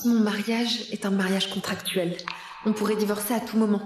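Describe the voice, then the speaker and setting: A woman's voice: medium pitch, flat delivery, normal speed, background noise, close to an everyday voice. A woman playing a modest, independent young pregnant wife in a dubbed drama, speaking politely and demurring. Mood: politely refusing. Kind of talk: dubbed short-drama acting.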